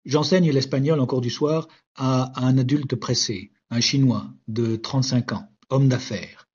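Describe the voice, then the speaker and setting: A man, a language teacher, narrating a scripted explanation in a measured, wry way. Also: medium pitch, a little mellow, husky. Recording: dull lo-fi recording.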